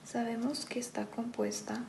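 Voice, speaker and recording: A woman teacher working through a grammar lesson in a slightly high, gravelly voice. She talks slowly and softly and says every sentence twice, once in Spanish and once in English. A faint hum sits behind her. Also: little pitch movement, rough recording. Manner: slow, careful, soft-spoken delivery.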